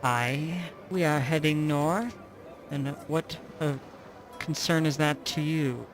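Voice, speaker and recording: Man playing a slow, wary gnome sea captain. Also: a little high, fairly even intonation, slight background noise, pitched above the performer's own voice. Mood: suspicious. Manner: slow, terse, suspicious. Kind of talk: tabletop role-play.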